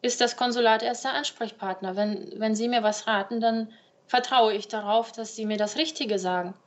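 A woman's voice: fairly high pitch, steady tone, normal speed. Young woman giving earnest interview testimony. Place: indoor living room.

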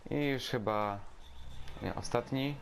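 A man giving casual gameplay commentary in a halting, repetitive way, searching for his words. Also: medium pitch, creaky, noisy background. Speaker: gameplay video host. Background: video game sound.

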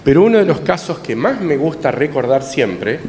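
Lively storyteller man in a church hall. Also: fairly high pitch, moderate pace. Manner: lively, coaxes the audience to repeat lines. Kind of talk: interactive children's story talk. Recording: distant voice in a reverberant hall with faint noise.

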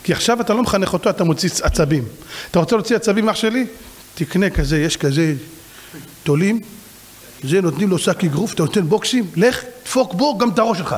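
Rabbi preaching with wide-swinging pitch. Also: male voice, slightly rough. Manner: animated preaching with rhetorical questions and acted-out quotes. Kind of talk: sermon.

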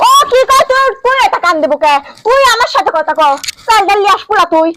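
An actress playing a sharp-tongued village wife who scolds her husband in rapid bursts, in a comic short film. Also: extremely high pitch, expressive, heavy background noise. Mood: scolding.

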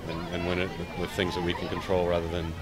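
A middle-aged man, a head coach, giving a measured post-game interview full of pauses and fillers. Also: low voice, monotone. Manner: measured, frequent "uh" and "you know". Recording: loud outdoor stadium crowd and noise.

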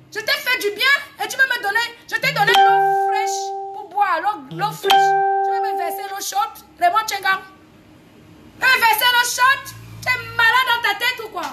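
A woman singer from Cameroon delivering a heated, repetitive, confrontational rant to the camera. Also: very high voice. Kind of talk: angry video rant.

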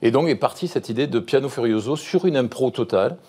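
A middle-aged man, a musician and comedian, talking as a guest in a casual TV interview, lively and often restarting his sentences. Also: medium pitch, fast, slightly rough.

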